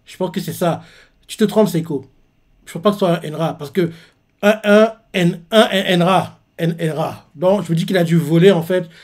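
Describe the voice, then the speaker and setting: A man's voice: high voice, a little mellow. A man casually recapping a manga chapter as a reaction host, rambling with many restarts. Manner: rambling, with constant filler tags and restarts.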